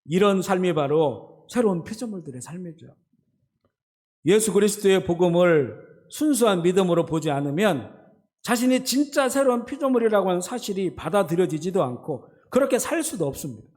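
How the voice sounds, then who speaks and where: A man's voice: sits high, very animated, normal speed, a little mellow. A man preaching a sermon as pastor, talking conversationally and asking the congregation questions. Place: church sanctuary. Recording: long church hall reverb.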